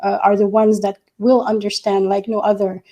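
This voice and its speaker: A woman from Senegal speaking as an activist on a panel, earnest and measured, pausing often with fillers. Her voice is mellow and dark, and her pitch stays flat. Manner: earnest, measured, many hesitations. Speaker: activist guest. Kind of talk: panel discussion.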